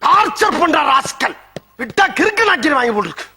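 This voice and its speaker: A man's voice: very high voice, sing-song, a little fast, exaggerated voice. An actor playing a grumpy man who scolds and insults sarcastically, heard from a noisy film clip. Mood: irritated.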